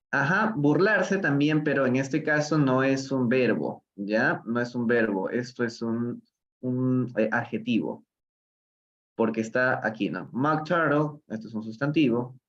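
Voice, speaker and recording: A Peruvian man with a mid-range voice teaches English in a live online reading lesson, patiently explaining step by step and moving between Spanish and English. The audio is lo-fi.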